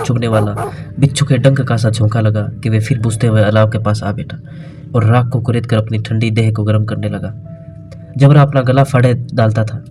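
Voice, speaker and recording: A male storyteller reads a classic tale in a measured, literary way. His voice is mellow and warm, and soft music runs underneath. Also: on the low side. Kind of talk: scripted narration.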